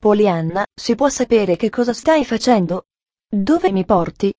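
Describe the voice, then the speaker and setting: A woman's voice: mid-range voice, animated, unhurried, warm tone, no room sound. A woman doing a stern, indignant aunt. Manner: indignant, clipped. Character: stern proper middle-aged aunt. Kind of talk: audiobook reading.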